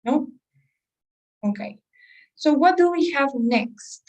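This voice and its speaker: A woman's voice: sits high, animated, slow, darkish tone, far from the mic, dull audio. A woman teaching an English test-prep class, explaining step by step and putting questions to her students. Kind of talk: class lesson.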